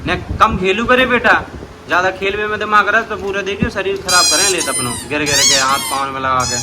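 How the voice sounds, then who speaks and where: A man's voice: high voice, wildly swooping pitch, a little fast. A man chatting casually for a family vlog, teasing kids and joking around. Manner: playful, teasing, talks to little children. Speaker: vlogger. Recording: noisy outdoor phone recording.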